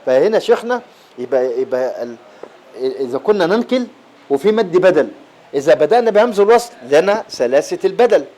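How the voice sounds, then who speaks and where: A man with an Egyptian Arabic accent teaching Quran recitation in a class, explaining rules and chanting verse fragments, often repeating a word slowly. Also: a little high, darkish tone. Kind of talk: classroom lesson on recitation readings. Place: lecture hall at an Islamic boarding school.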